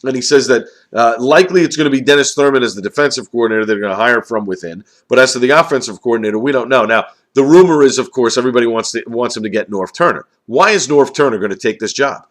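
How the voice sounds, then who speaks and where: A man's voice: mid-range voice, fast talker, hardly any pauses. A man giving an opinionated football commentary, emphatic and ranting, full of rhetorical questions. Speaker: sports commentator.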